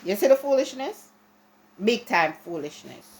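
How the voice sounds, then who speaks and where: Heard on a rough recording, an adult Jamaican woman vlogs to camera at a moderate pace in a slightly high, expressive voice. Her casual, ranting opinion piece is chatty, with frequent restarts and repeats.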